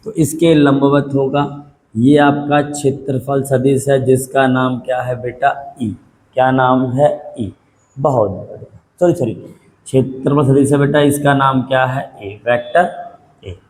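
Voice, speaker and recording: A man's voice: mid-range voice, a little mellow, poor audio. Patient male teacher quizzing and repeating. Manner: repetitive call-and-response questioning; patient, dictates slowly for note-taking. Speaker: physics teacher. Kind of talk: classroom lecture.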